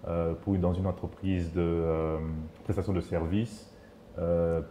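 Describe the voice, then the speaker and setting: A man's voice: sits low, level tone, measured pace, warm tone, echoey room, slight background noise. A man in his thirties from Kinshasa, introducing himself as a talk show guest and stumbling over words. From Kinshasa, DR Congo. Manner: hesitant, stumbling with fillers.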